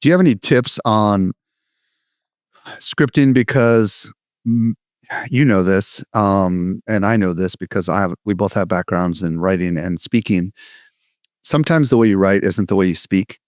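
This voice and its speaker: A man's voice: deep voice, a little slow, no echo, clean studio sound. A man hosting a podcast interview, asking questions in a casual, conversational way. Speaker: podcast host.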